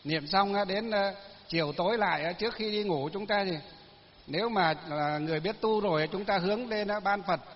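A high-voiced male Buddhist monk gives a folksy sermon at a fairly quick pace. He tells stories full of fillers and laughs at his own tales, in a lo-fi recording with long hall reverb.

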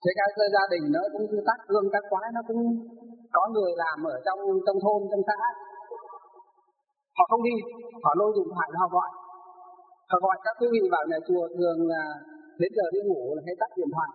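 A man's voice: high-pitched, fairly quick, pauses often. A man with a Northern Vietnamese accent, a Buddhist monk telling a rambling, anecdotal story in a conversational sermon. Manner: rambling, anecdotal, tags phrases with "đấy". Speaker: Buddhist monk giving a dharma talk. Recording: tinny phone-like audio, long hall reverb, faint music.

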